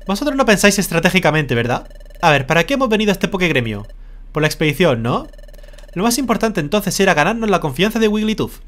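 A streamer from Spain voicing a scheming male skunk boss in a video game, smooth-talking and falsely polite. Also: mid-range voice, sing-song, fast talker, a bit bright. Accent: Spain Spanish.

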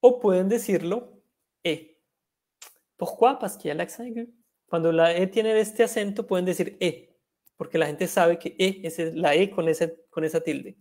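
Slow, patient teacher spelling out words. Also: medium pitch, a little mellow. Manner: switches between Spanish explanation and French examples. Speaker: French teacher. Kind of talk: online language lesson.

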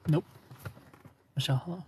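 Warm-toned and moderately paced, a man in his thirties keeps a live stream casual and playful from his parked car at night, neon lights outside. He reads viewers' comments and laughs often into a phone held close.

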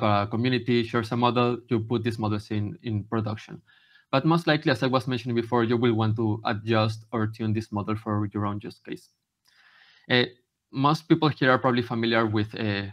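Young man giving a tech talk. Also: mid-range voice. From Peru. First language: Spanish. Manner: explanatory, many filler "uh"s and restarts. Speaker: conference speaker. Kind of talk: technical conference talk. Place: indoor room. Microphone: video call.

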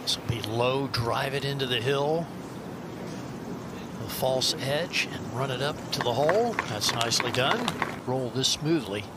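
A man's voice: mid-range voice, expressive, a little slow. A man in the role of analyst, giving live golf commentary and explaining shots. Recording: loud outdoor crowd noise behind.

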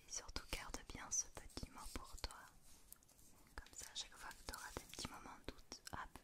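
Young woman whispering soft ASMR. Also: moderate pace. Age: young adult. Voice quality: breathy whisper. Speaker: ASMR host. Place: small decorated indoor room.

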